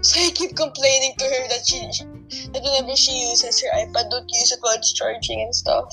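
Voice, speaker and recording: A young woman with a Filipino accent chats in a bright, high voice, excitable and quick. She laughs easily and jumps between thoughts. Faint music sits behind her. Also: low-quality recording. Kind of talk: casual chat.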